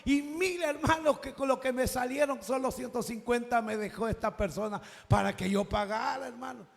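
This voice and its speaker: A Salvadoran man preaching a sermon, telling a personal story and acting out its conversations, now and then rising to a shout. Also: very high-pitched, normal speed, gravelly, long reverb tail.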